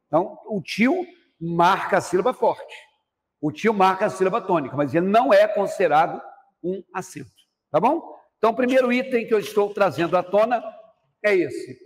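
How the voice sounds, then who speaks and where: A man's voice: high voice, big-room sound. A man teaching a grammar lesson for exam prep, explaining step by step and speaking straight to the student. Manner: explanatory, addresses student directly. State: worried about going hoarse. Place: classroom studio with noise from the next room.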